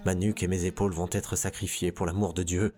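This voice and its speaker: A merry porter, battered yet cheerful, crying out pious blessings in a low, slow voice, as a man acts him out. Faint music plays under him. The tone stays close to the reader's own deep register. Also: flat delivery, mellow, close to an everyday voice. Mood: plaintive. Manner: pious, plaintive exclamations. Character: merry, much-beaten male porter.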